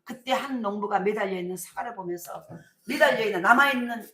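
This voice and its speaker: A middle-aged woman pastor preaching a sermon, telling stories in a colloquial, animated way with emphatic bursts. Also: medium pitch, fast talker. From South Korea. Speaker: senior pastor. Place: church sanctuary. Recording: echoey church sanctuary.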